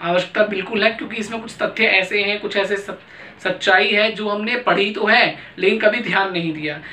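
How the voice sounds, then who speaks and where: A male teacher giving a grammar lesson, speaking deliberately and repeating each sound slowly so students can copy it. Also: sits high, sharp tone. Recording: echoey room, mic at a distance.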